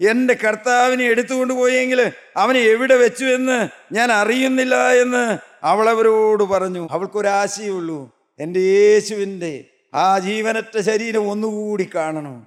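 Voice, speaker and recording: A male preacher with a high voice delivers a fiery sermon. he swells toward a near-shout and then sinks to hushed, slowed passages, peppering everything with repeated praise. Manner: impassioned, builds to near shouting, frequent interjections of praise; drops to soft, slow, hushed delivery in tender passages.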